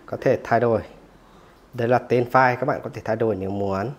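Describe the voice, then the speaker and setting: A man hosting a phone tutorial, explaining each step casually and often pausing with "rồi" between steps. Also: mid-range voice, fairly even intonation. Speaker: tech tutorial host.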